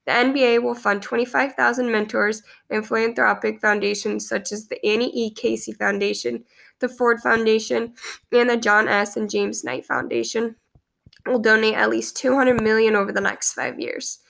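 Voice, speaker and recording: A slightly high, creaky, fairly bright voice at normal speed belongs to this student in her twenties. Stuffy with a cold, she earnestly reads her class post aloud to a close webcam in a small room.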